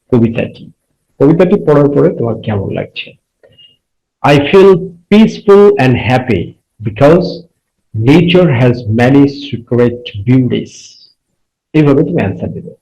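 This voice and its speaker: A man teaching a primary school English lesson, reading each phrase slowly and translating it line by line. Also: mid-range voice, animated, mellow, poor audio. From Bangladesh. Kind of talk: bilingual classroom lesson.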